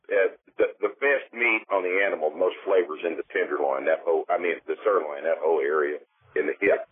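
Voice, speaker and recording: A man's voice: extremely low pitch, quick pace, breathy edge. A man talking as a podcast guest, blunt and dry-humored, heard over a landline phone. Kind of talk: casual podcast chat. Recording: tinny phone line with faint hiss.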